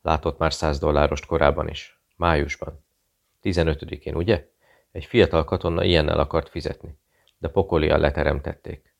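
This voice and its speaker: A man reading a calm British investigator who talks in a friendly, quietly persuasive way. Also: very deep voice, creaky. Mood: probing. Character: cool British male investigator posing as journalist.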